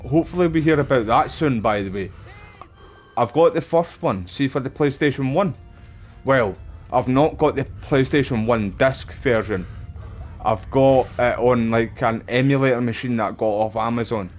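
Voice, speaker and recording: A man's voice: medium pitch, normal speed, faint music behind. A man with a Glasgow street accent giving casual, rambling gameplay commentary, full of cheeky slang and swearing. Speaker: gaming streamer.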